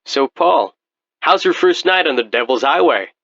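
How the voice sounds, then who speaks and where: Guy doing a trucker buddy, teasing n casual, pitched up, horror story. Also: animated, normal speed, creaky, a bit bright, no echo, dull audio. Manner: casual, needling. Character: teasing male trucker friend on the radio.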